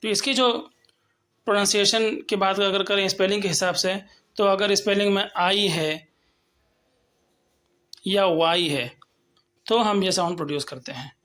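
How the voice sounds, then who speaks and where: A man teaching English pronunciation, explaining step by step and slowly sounding out example words. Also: high voice, fairly even intonation, a bit bright. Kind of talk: lecture on phonetics.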